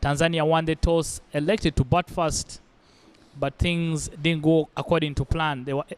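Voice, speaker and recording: A man's voice: a little high, level tone, moderate pace, clean tone. A man doing live cricket commentary, talking conversationally with some fillers.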